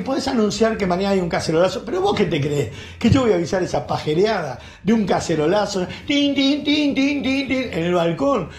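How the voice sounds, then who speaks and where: A radio and TV host with an Argentine Rioplatense Spanish accent delivers an angry, sarcastic editorial monologue in a high, slightly mellow voice, and the sound is reverberant. He rants indignantly, piling on insults.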